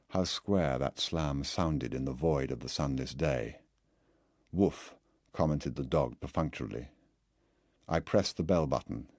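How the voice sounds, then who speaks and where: Deep, dark-voiced male narrator. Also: creaky, no room sound, clean studio sound. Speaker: audiobook narrator. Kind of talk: scripted literary narration.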